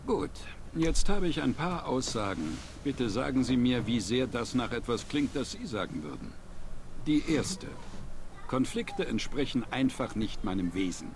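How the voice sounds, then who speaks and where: An actor voicing a calm male doctor in a video game, asking his patient questions in a measured, clinical way. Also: mid-range voice, background noise. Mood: calm questioning. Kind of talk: German video game dub.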